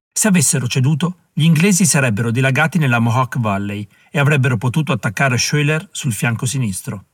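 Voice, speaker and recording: Male audiobook narrator, mid pitch, dramatic and even; dry booth sound. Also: breathy edge, dry recording. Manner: steady dramatic reading. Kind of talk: scripted narration.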